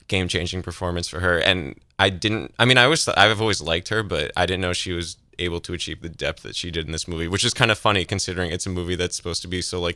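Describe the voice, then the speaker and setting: A man's voice: deep voice, pushed and bright, dry recording, studio quality. A man co-hosting a casual film chat, talking thoughtfully with trailing restarts. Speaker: co-host. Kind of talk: casual chat about films.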